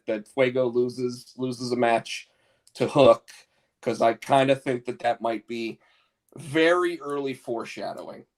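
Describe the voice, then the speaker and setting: A podcast co-host on a casual talk show sounds stuffed up from a cold. His voice is medium-pitched, and he talks in rambling bursts, stammering and restarting a lot.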